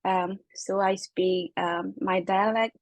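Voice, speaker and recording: Speaking slowly in a steady, mid-range voice, a young woman from Myanmar answers interview questions with hesitation and lots of fillers. She's an international graduate student who speaks Chin and has a Burmese accent. The audio has no echo.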